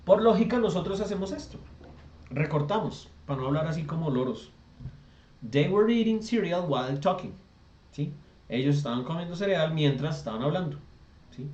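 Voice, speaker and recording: A man's voice: fairly high pitch, darkish tone, a little hiss or hum. A man teaching an online English class, explaining grammar step by step and checking often that students follow. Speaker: English tutor. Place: virtual classroom session. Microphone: video call. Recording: echoey lo-fi video call audio.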